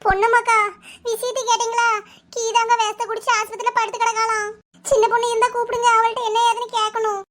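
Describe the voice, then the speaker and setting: Woman doing a shrill, flat-toned village neighbor. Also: fast. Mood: urgent. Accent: Kanyakumari Tamil. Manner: urgent, pleading, soothing. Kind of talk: cartoon voice acting.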